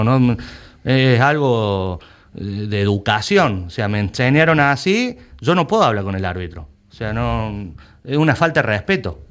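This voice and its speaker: With a fairly low pitch and a fairly bright tone, the president of an Argentine rugby club talks forcefully in a conversational interview. He has an Argentine Spanish accent and frequently repeats words as he hunts for the right one.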